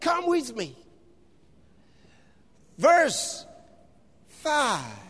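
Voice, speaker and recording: A man preaching with a very high voice that swoops up and down with lively inflection. He delivers his words slowly and deliberately, shouting his refrains to the congregation. His voice carries a long reverb, as if he is at the front of a large church hall. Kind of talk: fervent sermon with scripture reading.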